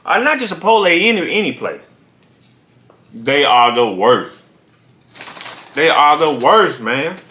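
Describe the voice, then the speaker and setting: Bright, roomy man chatting while eating. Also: a little high, slow pace, pauses often. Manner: talks while chewing food; animated storytelling. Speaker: mukbang host. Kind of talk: casual eating-show chat. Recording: roomy echo.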